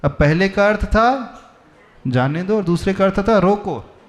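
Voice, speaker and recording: A man's voice: high voice, lively intonation, unhurried. A man, a monk, giving a sermon and teaching with emphatic rhetorical questions. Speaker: Jain monk preacher.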